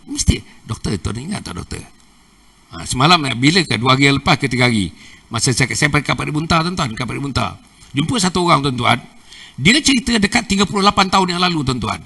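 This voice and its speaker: A man's voice: fairly high pitch, creaky, bright, forceful tone, husky, far from the mic. An older man with a Malaysian Malay accent preaching in a mosque, who repeats his phrases and keeps addressing the audience. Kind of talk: mosque religious lecture. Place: mosque hall.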